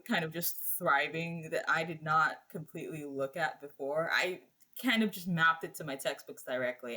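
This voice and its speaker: A woman's voice: sits low, bright, forceful tone. A young woman who grew up in Nigeria, a university student guest explaining her research thoughtfully in a casual interview. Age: young adult. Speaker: undergraduate guest.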